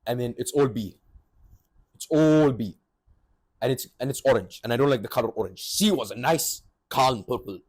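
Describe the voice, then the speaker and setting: A man's voice: medium pitch, lively intonation, moderate pace, a little mellow, breathy edge. A young man telling a comic story on his vlog, sarcastic and exaggerated, at times rising to mock outrage. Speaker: vlogger. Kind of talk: comedic storytelling.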